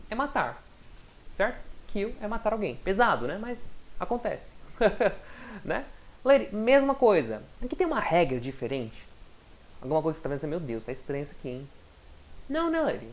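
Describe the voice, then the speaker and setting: A male English teacher gives a relaxed, conversational lesson. He keeps checking that his student is following and draws out English example words slowly and carefully so they can be heard clearly. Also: high-pitched. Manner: chatty and encouraging, often checks in with the student. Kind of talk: recorded online lesson.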